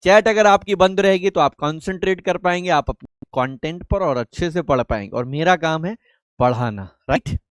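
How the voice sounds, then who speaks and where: A man's voice: on the high side, normal speed, smooth, no echo. A male chemistry teacher giving a live online class lecture. He asks questions, answers them himself, and calls the students by pet names. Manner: affectionate, calls students beta and babu.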